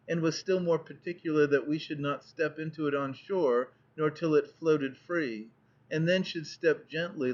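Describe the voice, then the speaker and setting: A man reading a nineteenth-century travel narrative aloud as an audiobook narrator, in a steady, measured way. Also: fairly high pitch. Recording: dull lo-fi audiobook recording.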